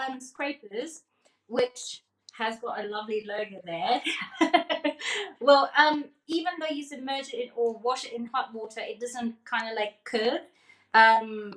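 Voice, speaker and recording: A woman's voice: a little high, a little slow, a bit bright. A woman demonstrating cake decorating live in a kitchen, talking casually and checking in with her viewers. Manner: chatty, checks in with "okay?", laughs often. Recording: echoey room.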